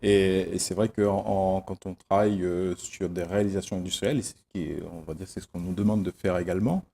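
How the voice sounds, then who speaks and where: A male teacher answering interview questions in a measured, explanatory way. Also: deep voice, vocal fry, warm tone, a little hiss or hum.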